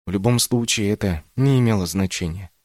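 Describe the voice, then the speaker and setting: A man narrating an audiobook in the first person, in a measured, reflective way. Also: fairly low pitch, dry recording, studio quality.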